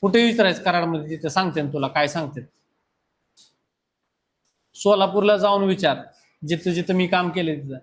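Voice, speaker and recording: A man's voice: sits high, normal speed, pauses often. A man, teaching a class and lecturing students bluntly. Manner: scolding, blunt, talks straight at students. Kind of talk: classroom lecture and pep talk.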